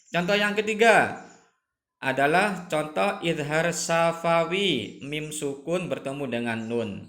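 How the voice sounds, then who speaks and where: A man's voice: medium pitch, fairly bright tone. A middle-aged male religious studies teacher giving a recorded lesson, repeating himself and stressing the recitation examples for his students. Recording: echoey room.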